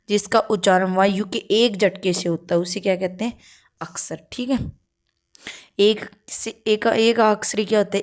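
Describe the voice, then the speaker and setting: A woman teaching an exam-prep grammar lesson, asking questions aloud and answering them herself, often checking in with a quick "okay". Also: medium pitch, a little mellow. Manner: checks in with frequent "okay" tags.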